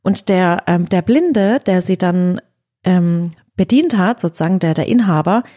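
A young woman, chatting casually as a co-host and retelling a story with lively quoted dialogue. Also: on the low side, a little slow.

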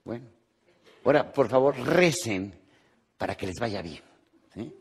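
A Mexican man giving a live motivational talk to an audience, joking and asking rhetorical questions, his voice jumping from loud bursts to quiet asides. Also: mid-range voice, animated, measured pace, breathy edge. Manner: jokey, rhetorical, checks in with "¿sí?". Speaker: motivational speaker. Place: conference hall with live audience.

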